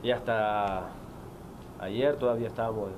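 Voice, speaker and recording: A man's voice: lowish voice, fairly even intonation, unhurried. A man from Honduras giving personal testimony at a press conference, hesitant and repeating words. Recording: noisy press room audio.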